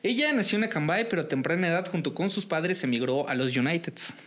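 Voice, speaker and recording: A man's voice: a little high, expressive, fast, fairly bright tone. Hesitant Mexican man hosting a podcast. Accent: Mexican Spanish. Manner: hesitant, many fillers and restarts. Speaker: podcast host. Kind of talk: casual podcast chat.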